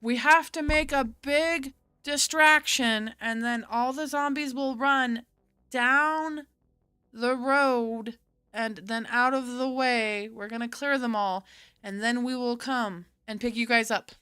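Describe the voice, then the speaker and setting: A woman's voice: fairly high pitch, steady tone, slow pace, bright, forceful tone, clear, resonant tone, no echo. A woman voicing a man on a handheld radio who urgently warns about zombies. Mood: urgent warning. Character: chatty radio man guiding survivors.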